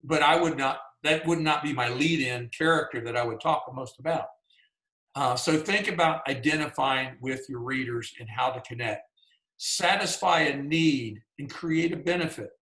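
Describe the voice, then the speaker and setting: Hosting a writing workshop by video call, a Southern-accented presenter from Georgia, US, talks at normal speed in an easygoing, folksy style, sprinkling in asides and plenty of "you know"s. His middle-pitched voice carries a clear room echo.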